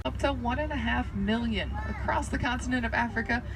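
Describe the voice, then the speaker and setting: A woman's voice: a little high, brisk. A woman working as a safari guide, giving practised live tour commentary with stressed instructions. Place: outdoors in a moving safari vehicle. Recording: noisy vehicle ride, live tour speaker. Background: vehicle and outdoor ambience noise.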